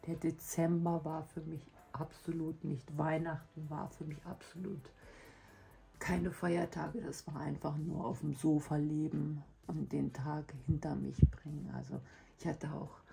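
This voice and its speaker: A woman chatting casually and reflectively to her viewers, hoarse from a lingering cough, her weak voice giving out and breaking into breathy whisper. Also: low voice, level tone, unhurried, warm tone. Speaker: hobby video host. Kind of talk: casual personal chat to viewers.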